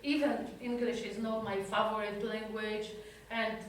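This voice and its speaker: In an echoey talk room at an institute, a European psychotherapist gives a personal talk with a medium-pitched, flat delivery. She is slow and halting, reaching for words in a second language. The distant mic adds reverb and slight background noise.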